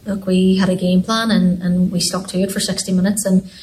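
Young Irish woman, Donegal accent, sports captain interview, little pitch movement, slight background noise. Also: level tone, fairly quick, darkish tone, poor audio. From Donegal, Ireland. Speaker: football team captain. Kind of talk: post-match interview talk.

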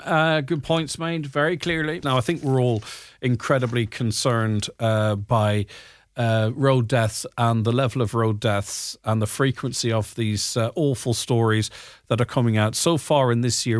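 Irish radio host, dry studio sound. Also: male voice, medium pitch, no room sound. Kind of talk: current affairs radio interviewing.

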